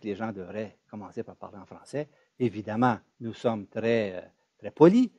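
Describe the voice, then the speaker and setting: A man's voice: lowish voice, dark tone, breathy edge, no room sound, highs cut off. A man with a Quebec French accent, a university professor speaking freely in an academic talk, stumbling and repeating small words as he searches for them. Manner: hesitant, restarts with repeated words.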